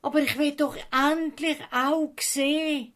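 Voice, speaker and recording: A woman's voice: high-pitched, steady tone, unhurried, fairly bright tone, voice pushed up. A woman doing a desperate blind beggar, Swiss German. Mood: pleading.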